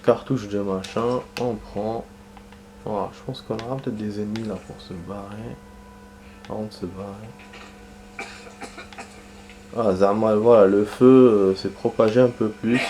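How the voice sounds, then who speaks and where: A man's voice: lowish voice, fairly even intonation, unhurried, long pauses, background noise. A man giving casual let's-play commentary, rambling and hesitant, with lots of fillers and restarts. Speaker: gaming commentator.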